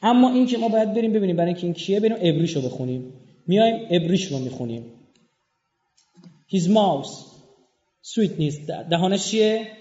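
A man's voice: high-pitched, lively intonation, pauses often, mellow. A man giving a religious lecture, explaining scripture emphatically and spelling out words letter by letter. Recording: roomy, dull lo-fi recording.

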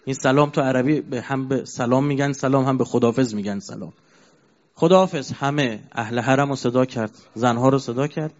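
A man preaching a mourning sermon, telling a sad story as a grieving storyteller who chants verses slowly. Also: medium pitch. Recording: dull lo-fi recording.

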